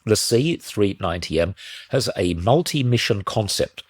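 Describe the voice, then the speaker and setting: A low-voiced man hosts a solo podcast with measured, articulate commentary. A head cold leaves him sounding stuffed up and a little muffled, with a husky edge. The recording is dry and close. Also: lively intonation, no room sound. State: muffled and congested from a slight cold. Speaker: podcast host.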